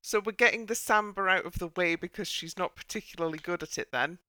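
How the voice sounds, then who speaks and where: A woman's voice: fairly low pitch, fast, pushed and bright. A woman from Northern England with a Northern English accent, hosting a casual podcast chat in a rambling way, full of fillers. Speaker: podcast host.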